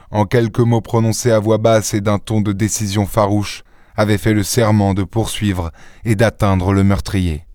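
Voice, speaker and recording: A man's voice: fairly low pitch, clean tone, no room sound. Man reading a story, dry studio sound. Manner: measured, even storytelling. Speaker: audiobook reader. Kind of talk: scripted narration.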